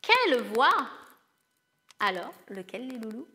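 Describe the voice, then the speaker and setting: A primary school teacher speaks slowly in a high-leaning, bright, forceful voice with big swings in pitch. She patiently guides her young pupils through a grammar lesson one step at a time, calling them "les loulous".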